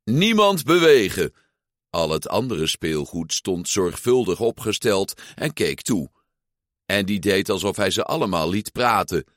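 A man narrating a children's storybook aloud in an expressive, lively way. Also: low voice, unhurried, dry recording, studio quality. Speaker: audiobook reader.

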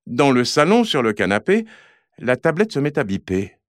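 A man narrating a children's audiobook in an expressive storytelling manner. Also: medium pitch, normal speed, no room sound.

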